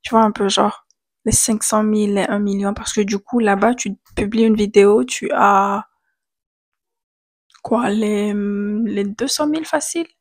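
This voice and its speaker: Slow, chatty young woman vlogging. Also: mid-range voice, fairly even intonation. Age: young adult. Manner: chatty, laughs often, trails off and restarts mid-thought. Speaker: content creator. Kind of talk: casual vlog chat. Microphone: handheld microphone.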